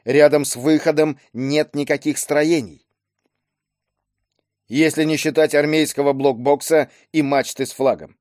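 A man's voice: fairly high pitch, steady tone, unhurried, darkish tone, dry recording. Male audiobook narrator, dry sound.

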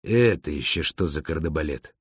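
A man voicing a brash, gruff former prince with a commanding manner, in an audiobook. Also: rumbling low, expressive, normal speed, dry recording, studio quality, pitched below the performer's own voice, exaggerated voice.

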